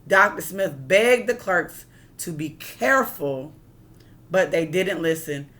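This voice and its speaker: This woman's voice sits fairly low and has a fairly bright tone, and she takes her time. She reads a picture book to listeners like a teacher, full of expression, pausing for offhand explanations and questions.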